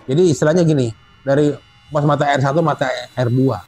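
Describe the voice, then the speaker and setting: A man casually telling a true story from a mountain hike, growing animated and high as it gets tense. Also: brisk, breathy edge, faint music behind. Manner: animated, rising pitch when excited, Jakarta slang. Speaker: storyteller guest.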